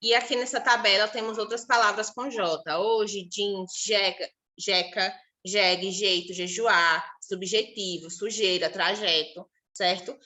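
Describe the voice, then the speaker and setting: A woman's voice: mid-range voice, steady tone, unhurried, hardly any pauses, pushed and bright. A Brazilian Portuguese woman teacher giving a recorded class, explaining patiently and repeating syllables and example words one by one.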